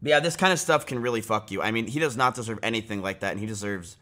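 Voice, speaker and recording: Talking fast in a fairly low, fairly bright voice, this twenty-something streamer chats casually from a small indoor room at home. His talk rambles with many fillers and restarts and grows heated and blunt.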